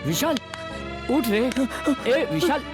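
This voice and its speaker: Jittery young guy, high lively voice, hurried and coaxing, music behind. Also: heavily acted. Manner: hurried, coaxing, rough-casual. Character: jittery young man rousing scared friends. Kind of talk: Hindi film dub. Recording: dubbed film audio with music.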